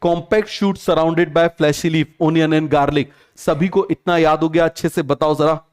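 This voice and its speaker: A man's voice: fairly high pitch, steady tone, unhurried, smooth. A young man teaching a biology lesson online. He keeps asking questions and answering them himself, repeats each term several times, and mixes English terms into Hindi. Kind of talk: online class lecture.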